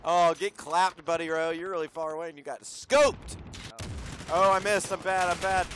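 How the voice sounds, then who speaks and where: A young man gaming in online group voice chat over a headset mic, rowdy and trash-talking, swearing and breaking into shouts. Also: a little high, little pitch movement, moderate pace, a little hiss or hum. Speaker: gamer.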